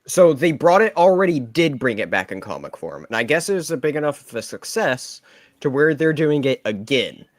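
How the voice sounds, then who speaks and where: A man's voice: mid-range voice, sing-song, moderate pace, dry recording. A man co-hosting a casual podcast, talking in a rambling way with many fillers. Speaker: podcast co-host. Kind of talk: casual chat.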